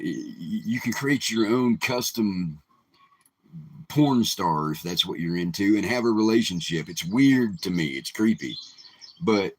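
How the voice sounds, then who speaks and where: A man's voice: low-pitched, slightly rough. A middle-aged man giving casual, rambling commentary to the camera, full of ums and restarts. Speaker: vlogger.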